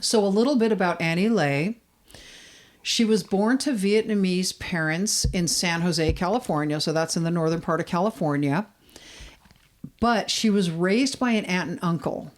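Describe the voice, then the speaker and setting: This woman co-hosts a true-crime podcast, speaking at a normal pace in a fairly low voice. She tells her stories in a relaxed, chatty way, often dropping in filler words.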